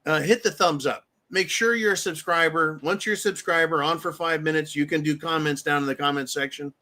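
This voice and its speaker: A man with a notably high voice hosts a live stream. He talks in a blunt, profane rant and slips into quick impressions of the people he describes. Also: fairly even intonation, sharp tone. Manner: blunt, profane ranting, acts out quoted voices. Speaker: livestream host. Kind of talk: casual live-stream commentary.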